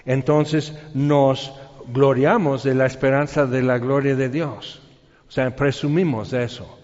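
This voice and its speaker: Animated Mexican preacher in a hall. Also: male voice, medium pitch, a little slow. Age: middle-aged. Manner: animated, colloquial storytelling with sound effects. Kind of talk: sermon. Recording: dull reverberant hall.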